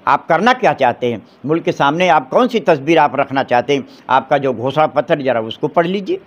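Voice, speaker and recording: A middle-aged man, an advocate giving forceful political opinions in an interview, firing off rhetorical questions and restarting his phrases. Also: fairly high pitch, animated, brisk, dull audio.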